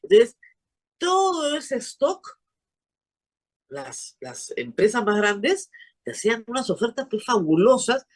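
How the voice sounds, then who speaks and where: A woman from Peru with a Peruvian Spanish accent, hosting a TV interview and talking emphatically with quick exclamations. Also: a little high, big pitch swings. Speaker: show host. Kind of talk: animated TV interview chat.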